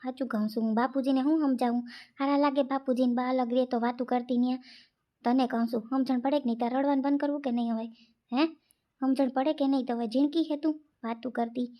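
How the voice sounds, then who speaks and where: A woman's voice: high voice, steady tone, dull audio, lightly acted. A woman playing a hot-tempered grown son who rants in an exasperated way. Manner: exasperated, fast ranting.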